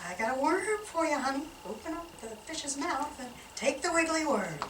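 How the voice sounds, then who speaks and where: A woman doing a crude loud fisherman. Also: sits high, animated, normal speed, background noise, voice pushed up. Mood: leering. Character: rough coarse fisherman, crude and cheeky. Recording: roomy hall, far-off camera.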